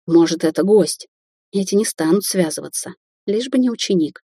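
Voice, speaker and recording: A woman reading voices an exhausted, irritable young male mage with a hoarse, curt manner in an audiobook. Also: fairly low pitch, animated, moderate pace, warm tone, dry recording, studio quality.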